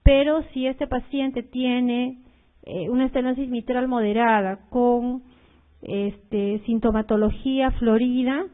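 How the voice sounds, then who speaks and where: A woman's voice: a little high, fairly even intonation, takes it slowly. A woman giving a recorded medical lecture, explaining slides with frequent fillers and repeated key points to her students. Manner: explanatory, uses fillers like "este" and "eh". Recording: tinny phone-like audio.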